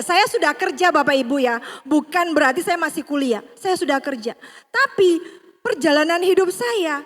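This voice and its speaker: A woman preaching a sermon with a personal testimony, speaking straight to the congregation and shifting between loud emphasis and soft, hushed passages. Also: high voice. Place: church service hall. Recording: long church hall reverb.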